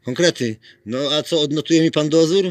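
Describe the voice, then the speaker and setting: A man's voice: fairly high pitch, no echo. A man filming himself while mockingly bantering with a police officer outside a station at night, teasing and theatrical, calling out names. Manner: teasing, theatrical, calls out names in drawn-out shouts. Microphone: handheld camera.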